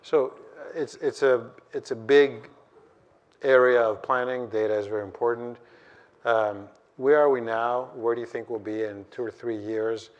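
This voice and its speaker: A man's voice: medium pitch, steady tone, moderate pace. A man moderating a conference panel, asking long rambling questions with frequent restarts. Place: conference stage. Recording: dull lo-fi sound.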